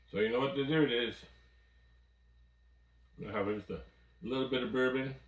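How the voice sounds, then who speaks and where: Man, 60s, folksy vlogger, relaxed storytelling; recorded from a distance in a roomy cabin. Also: mid-range voice. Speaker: outdoors vlogger. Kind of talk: casual chat to camera. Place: small cabin by a wood stove, indoors. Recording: roomy sound from off-mic.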